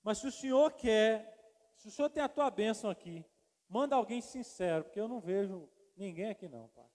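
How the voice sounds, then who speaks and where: A male pastor preaching a sermon and telling a funny story, acting out the dialogue with lively energy. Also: sits high, fairly quick. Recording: long hall reverb.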